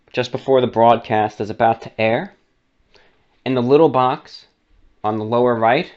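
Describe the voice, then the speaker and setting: Here a radio show host of medium pitch explains how to do something in a relaxed, conversational manner, going step by step and adding side remarks. The highs in the audio are cut off.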